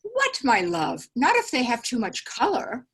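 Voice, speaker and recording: Woman doing a cool genteel lady, prim lecturing voice, husky, pitch swooping all over. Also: huge pitch swings, a little slow, full character voice. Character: cool, composed genteel older lady giving advice. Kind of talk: dramatic reading over a video call. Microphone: video call.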